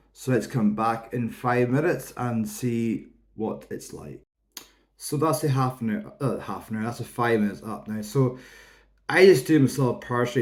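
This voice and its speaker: A man's voice: lowish voice, a little mellow. A man in his thirties with a Hebridean Scottish accent, giving a casual, rambling review to camera in an informal, explanatory way. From Isle of Lewis, Outer Hebrides, Scotland. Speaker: whisky reviewer.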